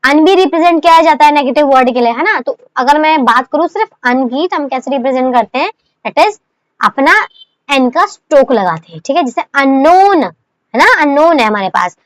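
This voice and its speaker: A woman's voice: sits high, expressive, moderate pace. A young woman teaching shorthand step by step, patiently repeating checks and asking questions as she goes. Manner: patient, repeats "theek hai" and rhetorical questions, mixes English terms into Hindi. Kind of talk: recorded lesson explaining by demonstration.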